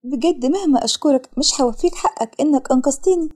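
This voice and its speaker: A woman's voice: high-pitched, fast talker, darkish tone, voice pushed up, lightly acted. A woman voicing a frightened, poor young woman with an Egyptian accent, pleading and tearful in a storybook narration. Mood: grateful. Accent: Egyptian Arabic.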